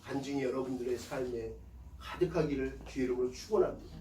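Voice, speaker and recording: A male pastor preaching a sermon with call-and-response, swelling loud on key lines and dropping soft again. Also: medium pitch, fast, reverberant, recorded from a distance, a little hiss or hum, low-quality recording. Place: church sanctuary.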